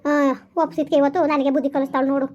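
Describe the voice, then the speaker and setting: A woman's voice: high-pitched, little pitch movement, very fast, a little mellow, muffled recording. A woman, performing a village comedy skit full of scolding and taunting banter. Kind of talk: rural comedy skit, bickering dialogue.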